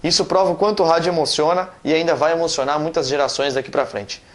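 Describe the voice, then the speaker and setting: Brazilian presenter with a medium-pitched voice. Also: fairly even intonation, quick pace. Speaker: programme presenter. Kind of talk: scripted presenting.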